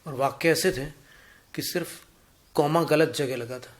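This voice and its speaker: A man giving a Jain religious discourse, teaching in a measured way and explaining points through anecdotes and examples. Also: a little high. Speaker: Jain preacher.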